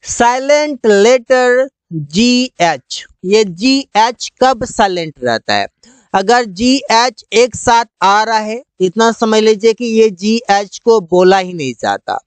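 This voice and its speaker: Slow, clear Hindi-speaking English teacher. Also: mid-range voice, expressive, dry recording. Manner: slow, repeats each rule and word. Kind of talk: explaining pronunciation rules.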